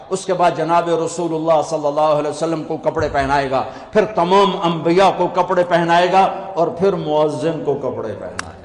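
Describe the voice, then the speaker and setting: A man preaching a passionate sermon, repeating phrases for emphasis and drawing out quoted Arabic lines. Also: on the high side. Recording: echoey hall with long reverb.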